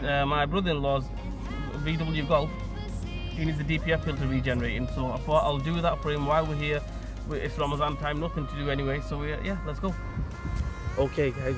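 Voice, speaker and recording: Chatty man vlogging to camera. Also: on the high side. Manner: chatty, excitable, says "right?" and "let's go" often. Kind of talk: casual vlog to camera. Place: car, outdoors in town and by a river, shop. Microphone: phone or action camera held at arm's length.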